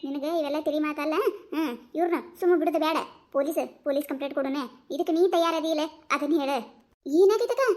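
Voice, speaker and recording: A woman with a North Karnataka accent voicing a fiery, scolding village woman in a cartoon comedy. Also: very high voice. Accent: North Karnataka Kannada. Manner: scolding, quick village banter.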